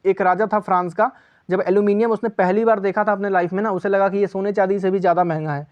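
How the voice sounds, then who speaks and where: A man's voice: high-pitched, fairly even intonation, quick pace, muffled recording. Chatty teacher quizzing his viewers. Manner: chatty, asks viewers to answer and comment; repeats key answers as question and reply. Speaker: exam-prep teacher. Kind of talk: casual quiz lesson.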